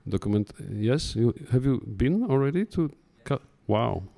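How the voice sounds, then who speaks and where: A man's voice: mid-range voice, expressive, measured pace, creaky, noisy background. A man addressing a talk audience in loose, chatty remarks full of stammering restarts. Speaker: curator in conversation. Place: talk room before an audience.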